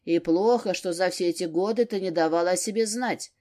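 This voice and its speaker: A woman reading an audiobook, voicing a gruff, commanding older father who barks his words. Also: on the low side, fairly quick, dark tone, lightly acted. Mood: stern. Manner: barking, stern.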